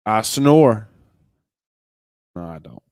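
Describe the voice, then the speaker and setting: Speaking very slowly and expressively with a darkish tone, a young Louisiana sports podcast host rambles through comments on a casual live stream, restarting sentences and saying "man" and "bro." His voice is smooth, resonant, slightly congested, and middling in pitch, captured close and dry with no room echo.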